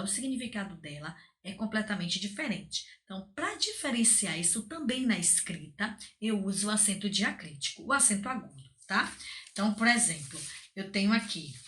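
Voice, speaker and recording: A woman's voice: mid-range voice, sharp tone. A Brazilian woman with a Brazilian Portuguese accent, teaching a school language lesson and explaining patiently, often checking in with the class. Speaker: Spanish teacher.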